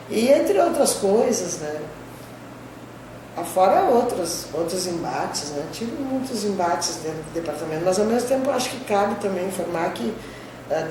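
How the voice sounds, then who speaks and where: An older professor from Brazil's southern border, her voice on the low side, talks through her career in an interview using a Gaúcho accent flecked with Spanish. She narrates conversationally and frequently tags her sentences with "né?". The recording has a far-off mic, room echo, and clear background noise.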